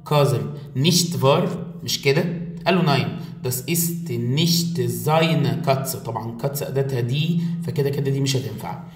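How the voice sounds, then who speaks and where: Male teacher, Egyptian Arabic accent, mid pitch, playful review lecture, roomy off-mic sound. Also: a little slow, far from the mic, soft background music. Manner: lively, jokey, switching between German and Arabic. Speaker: German teacher. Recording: echoey room, voice a bit off-mic.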